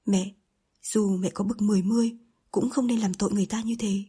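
Woman reading as a gentle sorrowful daughter. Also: medium pitch, steady tone, brisk, slightly rough. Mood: sad. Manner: soft, gentle. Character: gentle sad young woman, dutiful daughter.

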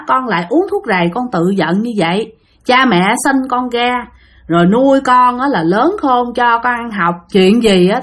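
A woman with a Southern Vietnamese accent tells a ghost story in a chatty, direct-address way. Her voice is fairly high and swings through a very animated pitch range. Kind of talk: spoken ghost story narration.

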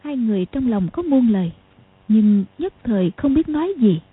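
A woman narrating a martial arts novel as an audiobook in a steady, dramatic reading. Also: fairly high pitch, normal speed, husky. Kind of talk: storytelling narration. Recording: tinny lo-fi audio.

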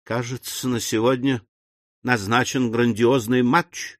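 A man voicing a pompous, formal elderly gentleman in an audiobook, measured and stately. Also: mid-range voice, little pitch movement, dry recording, clean studio sound, lightly acted.

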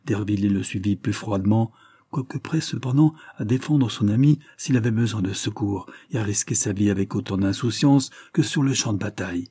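A man narrating a classic novel aloud in a steady, measured storytelling manner. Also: on the low side, husky. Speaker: audiobook narrator.

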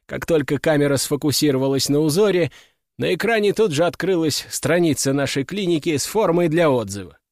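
A man's voice: a little high, lively intonation, a little fast, darkish tone, no echo, studio quality. Man narrating a fantasy audiobook. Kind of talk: first-person fantasy narration.

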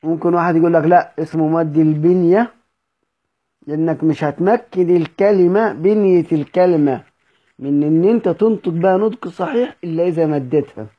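Speaking a little fast in a fairly high, breathy-edged voice, an Egyptian-accented Quran recitation teacher runs a recorded study session. He explains, repeats and quizzes his students, and the recording's highs are cut off.

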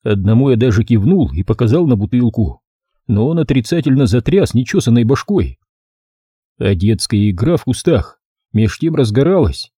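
Husky dark-voiced male narrator. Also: medium pitch, big pitch swings, moderate pace, no room sound, studio quality. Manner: wry first-person narration. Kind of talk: audiobook reading.

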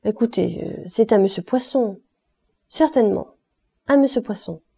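Woman reads coy suggestive matron, mellow and raspy, storybook. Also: on the high side, normal speed. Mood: insinuating. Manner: coyly insinuating. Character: prim older woman, sly and suggestive.

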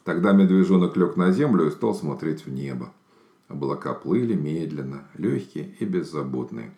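A man reading a children's story aloud as narrator, in a calm, expressive manner. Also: very deep voice, normal speed, echoey room.

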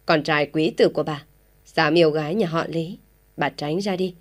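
A woman's voice: deep voice, moderate pace, close to an everyday voice. A woman voicing a furious stern old father. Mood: furious scolding. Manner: harsh scolding shouts.

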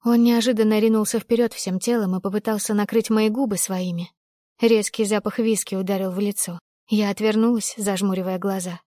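A woman reading a first-person story aloud as an audiobook narrator, in a steady, measured storytelling manner. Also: medium pitch, dry recording, studio quality.

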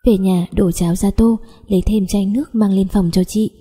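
Dark, husky woman reading a story. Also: medium pitch, fairly even intonation, normal speed. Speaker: audiobook reader. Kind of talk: first-person story narration. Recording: long reverb on the voice.

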